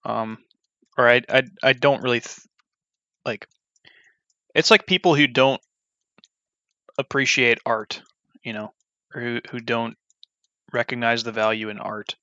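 A man's voice: medium pitch, fairly even intonation, measured pace, pauses often, bright, forceful tone, smooth, dry recording. A man giving casual gameplay commentary as a gaming YouTuber, rambling bluntly with many ums and restarts. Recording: slightly dull, dry recording.

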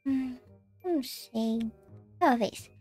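Girl doing a high-voiced cheeky twin, giggly and playful, roblox story, soft music under it. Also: very slow, exaggerated voice. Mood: scheming. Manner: playful, giggly, exaggerated panic. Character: mischievous young twin girl, prankster.

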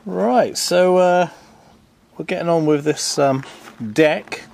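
A slightly high, gravelly, darkish voice speaks slowly as a boat renovation vlogger works outdoors in his garden workshop. He holds the camera himself and rambles through casual how-to commentary, chatty and self-deprecating, with plenty of ums.

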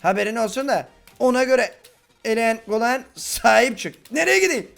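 A man giving excitable Minecraft gameplay commentary as a YouTuber, chatting with viewers and bursting into loud exclamations. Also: very high voice, normal speed, creaky, faint music behind. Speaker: gaming YouTuber.

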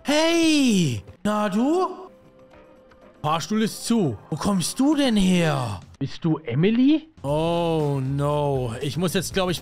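High-voiced guy doing a let's play as a grumpy babysitter, bossy, yells a lot, faint music under it. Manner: bursts into loud shouting, bossy and comic. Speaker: gaming YouTuber. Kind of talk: let's play commentary in character.

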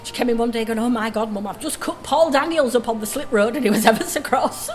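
A woman who runs a café, telling anecdotes in a lively, laughing way. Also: fairly high pitch, fast, a little hiss or hum. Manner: lively, laughing, animated storytelling. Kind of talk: casual anecdote interview.

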